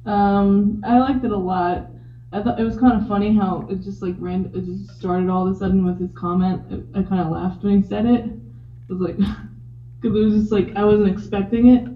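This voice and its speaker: A woman's voice: mid-range voice, fairly even intonation, normal speed. A woman co-hosting a casual podcast, speaking hesitantly with many fillers. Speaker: podcast co-host. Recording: tinny phone-like sound, roomy.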